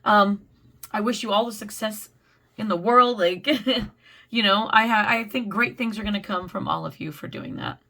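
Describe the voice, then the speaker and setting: A woman's voice: medium pitch, moderate pace, vocal fry, pushed and bright. A woman reader giving a casual spoken tarot reading, chatty and encouraging with a rambling flow. She is losing her voice.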